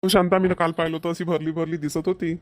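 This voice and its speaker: A man does voice acting for a Marathi cartoon comedy, playing an easygoing, agreeable middle-aged farmer husband with a rural Maharashtrian Varhadi accent. His voice is fairly high with little pitch variation, and he talks fast in a tone close to everyday speech.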